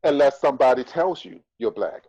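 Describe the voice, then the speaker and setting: A man's voice: medium pitch, lively intonation, brisk, warm tone, dry recording. A man in his thirties from the United States, a podcast guest talking bluntly and emphatically, with profanity and sarcastic retorts, from a phone at home on a video call. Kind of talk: candid conversational interview. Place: indoors at home. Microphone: phone front camera on a video call. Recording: dry, slightly dull video-call audio.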